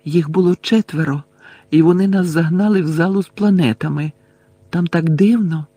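A man reading aloud, voicing a calm, dreamy teenage witch who speaks softly and slowly. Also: a little high, dry recording, pitched above the performer's own voice.

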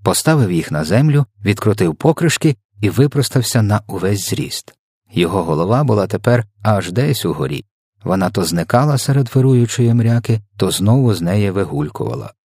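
A man narrating a children's storybook in an even, measured reading. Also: fairly low pitch, husky, no echo, clean studio sound. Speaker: audiobook narrator.

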